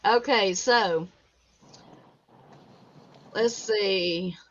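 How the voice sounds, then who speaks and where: A woman hosts a casual livestream chat from indoors at a computer, addressing her viewers in a folksy way. Her mid-range, slightly bright voice moves extremely slowly, and the audio is muffled and dull with slight background noise.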